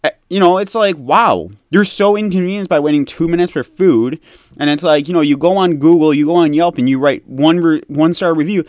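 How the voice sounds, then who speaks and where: An American man ranting in an exasperated, mocking tone, often dropping low to mimic the people he criticizes. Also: fairly quick, a little mellow, dry recording, studio quality. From United States. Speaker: commentator. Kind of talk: opinion rant to camera.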